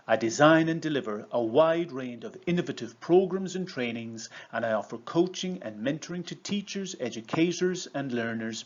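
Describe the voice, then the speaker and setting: Casting: Irish man, 50s, mid-pitched, measured storytelling presenter and trainer, slightly dull lo-fi recording. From Ireland. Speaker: coach and trainer. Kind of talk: prepared video presentation with storytelling.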